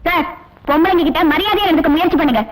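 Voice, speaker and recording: A woman's voice: very high voice, very fast, rough recording. Indignant, scolding young woman. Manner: sharp, scolding. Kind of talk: 1980s Tamil film dialogue.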